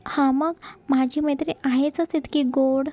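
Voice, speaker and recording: A woman's voice: high-pitched, fairly even intonation, unhurried, dark tone. A woman voicing a playful young woman teasing her friend in a read-aloud story. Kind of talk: storybook narration.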